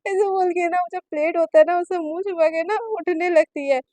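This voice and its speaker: A woman with a very high voice tells a story in a chatty, expressive way, dropping casual fillers as she goes. The sound is dry and close, with no room around it. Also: fairly quick, dry recording. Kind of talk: casual spoken story narration.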